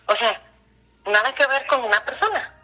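A woman's voice: on the high side, normal speed, slightly rough, low-quality recording. A middle-aged woman with a Mexican accent, casually telling a personal ghost story and acting out the dialogue. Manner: animated, acts out dialogue in her telling. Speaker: guest storyteller.

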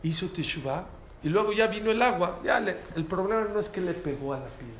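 Animated man teaching. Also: sits high, brisk. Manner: animated, rhetorical questions, repeats for emphasis. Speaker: Torah teacher. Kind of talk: lively spoken Torah class. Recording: roomy echo, faint background noise.

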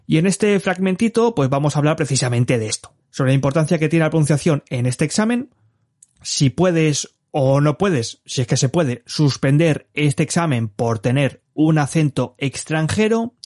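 A man's voice: a little high, expressive, moderate pace, hardly any pauses, darkish tone. Explanatory Spanish-male teacher. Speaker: Spanish teacher and exam examiner, podcast host. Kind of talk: podcast intro and interview answers.

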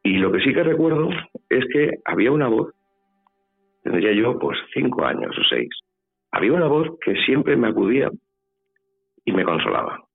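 A man's voice: mid-range voice, sing-song, moderate pace, creaky, pauses often, husky. A man from Spain with a Spanish accent, telling a personal story as a guest in a phone interview, hesitant and repeating his words. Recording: tinny phone line with faint music.

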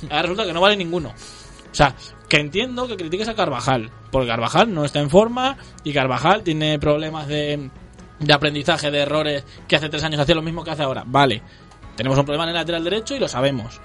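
Guy ranting about football, kinda high voice, bit of music behind. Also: quick pace. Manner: opinionated, animated, fan of the team. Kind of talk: casual football chat.

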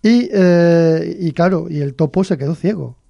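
A man with a Cantabrian accent hosts a folklore show, spinning short folk tales in a chatty, folksy manner with many chuckles. His voice is mellow and warm in tone, sitting fairly high. The recording is dry and close. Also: measured pace, creaky, no room sound, lo-fi sound. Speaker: host. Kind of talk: storytelling folklore podcast.

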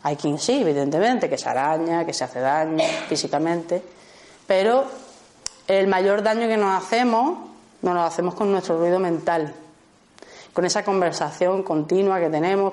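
Woman, Spain accent, lowish voice, animated teacher for a small group, acts out quick exchanges. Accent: Spanish from Spain. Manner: lively, often checks in with "¿vale?" and acts out short dialogues. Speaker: workshop teacher.

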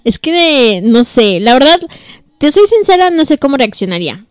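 A woman co-hosts a casual chat in a bright, high voice, blunt and emphatic. Her voice is smooth and close, with no room around it. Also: sing-song, normal speed, no echo. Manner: blunt, emphatic, laughs often. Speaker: co-host.

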